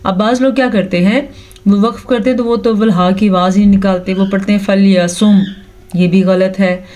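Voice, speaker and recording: A woman teaching Quran recitation with tajweed, patiently explaining each rule step by step and drawing out the recited verses very slowly. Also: medium pitch, fairly even intonation, darkish tone. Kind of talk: tajweed lesson with slow recitation.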